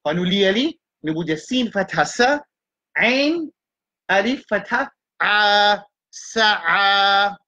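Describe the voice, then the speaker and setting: A woman teaching Quran reading in a live class. She explains the letters step by step and chants verses slowly. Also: mid-range voice, sing-song, a bit bright, lo-fi sound.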